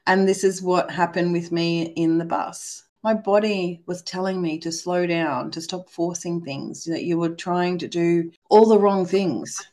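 A middle-aged woman from Australia chatting as a podcast guest, animated and acting out her inner voices. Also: fairly low pitch, unhurried, hardly any pauses. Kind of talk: casual spiritual chat.

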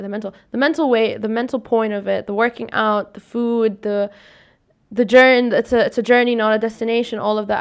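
A young woman hosts a casual solo podcast, rambling and correcting herself as she goes before ending on an upbeat sign-off. Her somewhat scratchy voice deepens the longer she talks.

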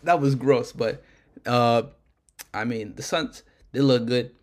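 A man co-hosts a casual sports podcast, speaking slowly in a mid-range voice. He's loose and rambling, correcting himself as he goes.

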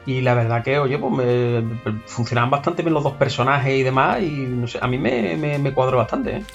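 A man co-hosting a casual film podcast, relaxed and agreeable. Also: medium pitch, normal speed, gravelly, dull audio, faint music behind. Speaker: podcast co-host.

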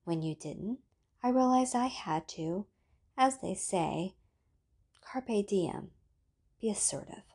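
A woman voicing a soft, seductive computer. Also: mid-range voice, expressive, slow, pauses often, husky, exaggerated voice. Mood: calm, controlling. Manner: soft, ethereal, coaxing.

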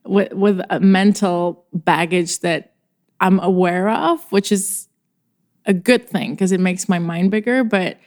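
A woman's voice: lowish voice, takes it slowly, a little mellow. A woman entrepreneur from the former Soviet Union, answering podcast interview questions in a thoughtful way, often restarting her phrases. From former Soviet Union, Czech. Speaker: entrepreneur guest.

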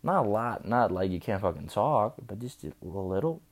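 A man's voice: on the low side, expressive, moderate pace. A young man telling a rambling, profane story while drunk and slurring his words. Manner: loose, profane, chatty. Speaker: vlogger.

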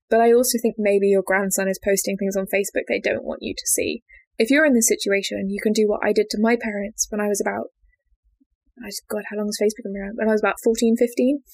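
A young woman co-hosting a casual chat, telling stories and laughing often. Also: mid-range voice. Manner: chatty, laughs often, acts out quoted family members. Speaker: podcast co-host.

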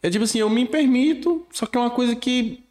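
Relaxed man co-host with a dark, soft voice, chatting casually. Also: very high-pitched, quick pace. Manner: relaxed, repetitive, with many fillers. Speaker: podcast co-host. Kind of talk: casual podcast chat.

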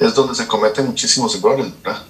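A man's voice: medium pitch, fast. A man, interviewing a pastor in easy conversation, chatty. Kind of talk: casual conversation. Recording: echoey room.

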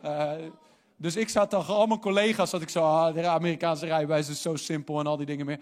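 A man's voice: a little high, quick pace. A young man preaching a sermon, telling a story and then building to emphatic calls, with English phrases slipped in. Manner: animated, rising to emphatic preaching; mixes English phrases into talk. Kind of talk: sermon with personal anecdote.

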